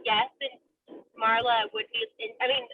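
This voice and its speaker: A woman calls into the meeting on a car speakerphone while she drives, and her voice sits a little high. The line is thin and phone-like and sounds set back from the mic, with faint road noise underneath. As liaison, she talks in a hesitant way and leans on fillers. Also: flat delivery, normal speed, recorded from a distance. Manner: hesitant, with many fillers and restarts. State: driving while talking. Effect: car speakerphone call. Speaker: committee liaison. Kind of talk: remarks at a public committee meeting.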